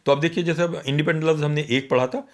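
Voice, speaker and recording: A man's voice: fairly high pitch, fairly even intonation. A man teaching the meters of poetry in a radio conversation, patiently counting sounds aloud and checking that his listener follows.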